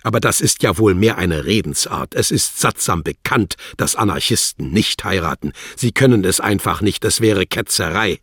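A man voicing a scornful, threatening embassy secretary with a guttural, rasping snarl. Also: low-pitched, animated, moderate pace, few pauses, a bit bright, no room sound, studio quality, voice pushed up, heavily acted. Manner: mocking, threatening, condescending. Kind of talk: audiobook character voice.

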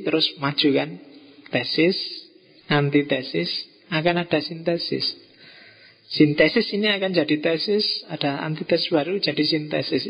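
A middle-aged man with a Javanese accent giving a relaxed philosophy lecture, folksy with joking asides. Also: fairly high pitch, creaky, husky. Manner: folksy, joking asides, mixes in local words. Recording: muffled lo-fi recording.

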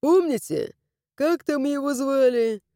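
A woman's voice: sits high, slow pace, mellow, no echo, studio quality, pitched above the performer's own voice. Woman voicing a sardonic crow-like dragon man. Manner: mocking, drawling. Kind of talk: audiobook character voicing.

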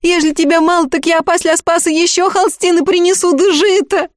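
A woman voicing a young peasant girl who pleads tearfully in a high, quick voice. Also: steady tone, no room sound, clean studio sound. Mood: pleading.

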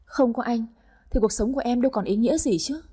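A woman voicing a young scheming mistress who shouts rudely and pleads in tears, with a husky voice. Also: quick pace. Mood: tearful pleading. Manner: shrill, rude, tearful pleading. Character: young scheming female mistress, shrill and tearful.

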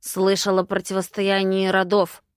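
A woman voicing a cocky young immortal man who lies smoothly and talks in a calm, self-assured way, in an audiobook. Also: medium pitch, moderate pace, no room sound, studio quality, natural voice.

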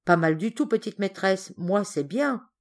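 A woman voicing a devoted adult male servant who talks in slow, clipped, broken French. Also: medium pitch, lively intonation. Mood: stubbornly loyal.

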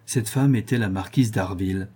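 Husky-voiced man narrating a classic novel. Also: on the low side, warm tone. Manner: measured, classic reading. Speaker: audiobook reader. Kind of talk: scripted narration.

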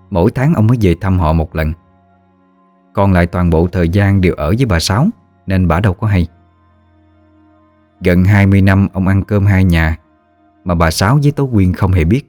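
A man narrating a ghost story in a steady, measured storytelling voice. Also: low voice, dry recording.

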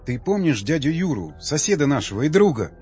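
A man's voice: on the high side, big pitch swings, brisk, darkish tone, highs cut off, faint music behind. A male narrator voicing an older male cosmonaut, an emotional father who pleads with a trembling voice. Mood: pleading.

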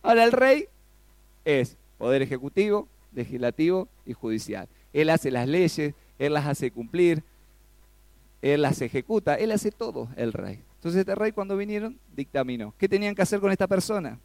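Male preacher, gravelly voice, animated sermon, dry close recording. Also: a little high, normal speed, no echo. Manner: animated, rises sharply when acting out pleas; asks the congregation questions.

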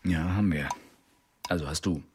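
An actor playing a middle-aged older brother, bitter and sarcastic, in a radio play. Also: male voice, low-pitched, normal speed, background noise, natural voice. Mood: weary, subdued. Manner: sarcastic, accusing.

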